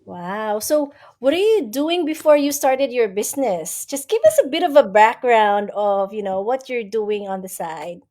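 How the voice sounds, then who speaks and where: A woman's voice: a little high, animated, measured pace, few pauses, a little mellow. A woman hosting a live broadcast interview as a coach, with a friendly, inviting manner. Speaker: host and coach.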